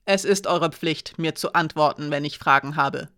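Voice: mid-range voice, normal speed, no room sound, clean studio sound, close to an everyday voice. A narrator voicing a proud woman guard who speaks sharply and with menace, in an audiobook. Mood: stern. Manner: sharp, hard, threatening.

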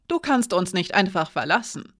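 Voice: mid-range voice, big pitch swings, normal speed, a bit bright, no echo, studio quality. A reader voicing an indignant woman of a secret order. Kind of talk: audiobook character reading.

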